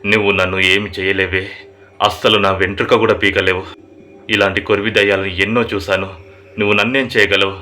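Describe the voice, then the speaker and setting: A man's voice: sits low, level tone, brisk. A man voicing a bold defiant village farmer. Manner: brave, defiant shouting. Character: bold middle-aged male village farmer.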